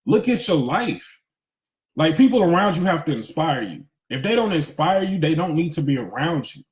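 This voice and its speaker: In an echoey, roomy recording, a motivational speaker in his thirties delivers a casual, emphatic spiritual pep talk. His voice is a little high and very animated at a normal speed, and his candid, street-smart slang keeps circling back to repeated phrases for emphasis.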